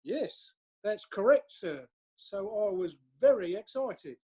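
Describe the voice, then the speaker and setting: A man's voice: sits high, huge pitch swings, slow pace, vocal fry, a little mellow, husky, heavily acted. Guy doing a jittery defendant, stammers, hesitant. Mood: nervous. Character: nervous stammering defendant, man.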